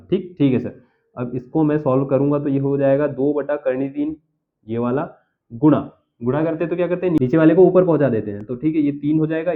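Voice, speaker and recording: A man teaching a school math lesson, working through each step aloud and often checking in with the class. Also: fairly high pitch. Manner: talks himself through each step, keeps checking "theek hai sir". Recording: tinny phone-like audio.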